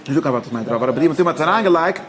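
A man teaching an informal text study lesson, halting and restarting often, mixing languages. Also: fairly high pitch, expressive, fairly bright tone, a little hiss or hum. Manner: halting, mixes languages, many fillers and restarts. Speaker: teacher of religious texts.

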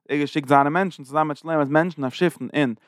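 A man, giving a rapid, animated Torah lesson full of Hebrew terms. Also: fairly high pitch, dry recording, clean studio sound. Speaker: Torah teacher. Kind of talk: Yiddish-inflected Torah lesson.

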